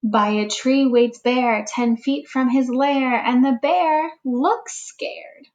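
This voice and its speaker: Slow, expressive teacher reading aloud. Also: female voice, high-pitched, highs cut off. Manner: slow, expressive storybook reading with character voices. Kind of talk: read-aloud storytime for children.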